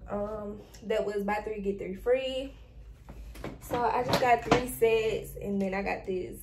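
A woman's voice: medium pitch, steady tone, slow. A young woman vlogger in casual, informal chat, talking straight to her viewers from a small bedroom, recorded on a camera at desk distance. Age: young adult. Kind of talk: casual haul vlog chat. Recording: noisy background hiss.

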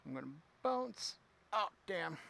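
High-voiced man streaming a retro game. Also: very animated, unhurried, vocal fry, dry recording. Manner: chatty, reacting out loud and answering viewers' chat. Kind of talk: casual live gameplay commentary.

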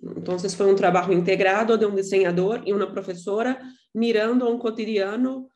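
Female academic presenter, Brazilian Portuguese accent, average pitch, hesitant Portuguese-tinged Spanish. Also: fairly even intonation, fairly quick, darkish tone. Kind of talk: slide presentation. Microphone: video call.

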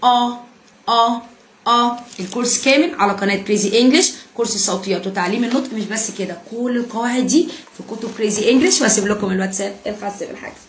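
A young Egyptian woman teaching English pronunciation to children, drilling sounds slowly and praising cheerfully. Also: mid-range voice, slight background noise. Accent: Egyptian Arabic. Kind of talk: phonics lesson for children.

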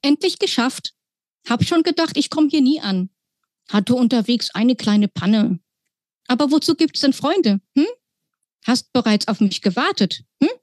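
A woman's voice: sits high, expressive, unhurried, a little mellow, no room sound, studio quality, voice pushed up. A woman voicing a small, impatient male pilot mouse who talks in a pushy, grumbling way, in a storybook reading.

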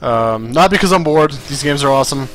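A tired man calls a strategy game match alone, talking in a loose, chatty way and often circling back to restart a phrase. His voice sits at a middle pitch, with faint music playing underneath. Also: fairly quick. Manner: relaxed, chatty, self-correcting, occasional laughs. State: tired after a long day. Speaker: esports caster. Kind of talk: solo play-by-play game commentary.

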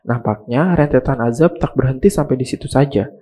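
A man's voice: medium pitch, fairly quick, mellow. A man narrating a scripted story recap, with mocking, slangy asides to the audience.

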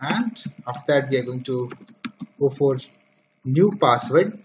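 A programming tutor walks through a screen-recorded coding lesson, dictating code step by step with frequent fillers. His medium-pitched voice is expressive and unhurried, captured on a dull lo-fi mic with faint noise.

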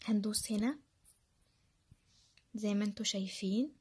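A woman's voice: mid-range voice, moderate pace, darkish tone, husky. A woman with an Egyptian accent walking viewers through how she studies, chatty and full of fillers. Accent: Egyptian Arabic. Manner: chatty, repeats phrases, many fillers. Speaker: language learner sharing study tips. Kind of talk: casual screen-share tutorial.

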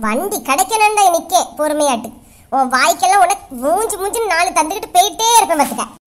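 A pushy middle-aged auntie barks orders in a Kanyakumari accent, as a woman puts her on. She talks fast and high, with a short temper always close. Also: expressive, a little hiss or hum. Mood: bossy. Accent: Kanyakumari Tamil. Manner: bossy, quick-tempered. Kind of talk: comic sketch acting.

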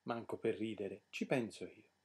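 A man's voice: fairly low pitch, fairly even intonation, breathy edge, pitched below the performer's own voice. A man doing a feisty old nurse woman. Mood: bossy. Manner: brisk, bossy, self-assured.

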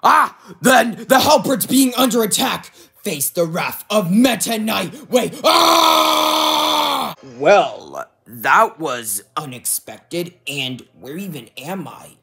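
A fan plays a jumpy masked knight who yelps and stammers when startled, his bright voice leaping wildly in pitch with a breathy edge. It's a homemade fan cartoon. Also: big pitch swings, slow pace, hardly any pauses, full character voice. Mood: panicked.

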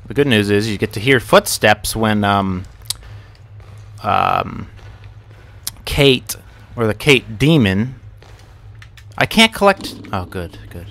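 In his let's play of a horror game, a young gaming host rambles and mutters with plenty of swearing, yelping and cursing at each jump scare. His fairly low, gravelly, fairly bright voice is animated but slow, with long pauses.

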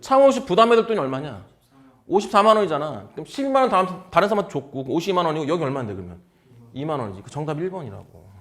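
A man's voice: fairly high pitch, very animated, rapid-fire, fairly bright tone. A man lecturing on exam math problems in casual speech, drilling students with constant check questions. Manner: blunt informal speech.

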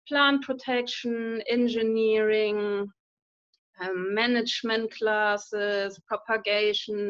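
A university lecturer in her thirties with a German accent answers interview questions earnestly over a video call, with many fillers and restarts. Her pitch is fairly high with no room sound, captured at home indoors through a laptop webcam mic as dull lo-fi call audio.

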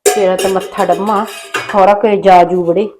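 A woman's voice: very high-pitched, fast talker. An actress playing a put-upon young daughter-in-law with a Punjabi accent, who grumbles under her breath and answers back sharply. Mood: grumbling. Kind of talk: village short film acting.

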